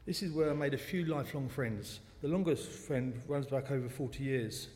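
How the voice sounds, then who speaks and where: At a church service, a man in his 40s from South London shares a personal testimony, chatty and self-deprecating, in his South London accent. His mid-range voice has a darkish tone and moderate pace, and the church hall adds long reverb.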